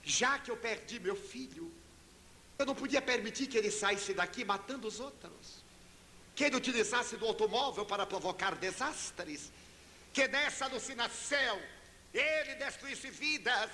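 High, bright older man giving a dramatic talk. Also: animated, moderate pace. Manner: dramatic, with sudden shifts in pitch and loudness. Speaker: spiritist speaker. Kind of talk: sermon-style dramatic storytelling. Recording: reverberant hall, faint hiss.

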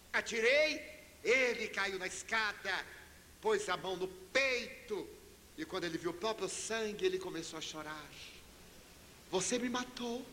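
An older man, a spiritist speaker, giving a sermon-style talk and retelling a story dramatically, with sudden shifts in pitch and loudness. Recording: reverberant hall, faint hiss.

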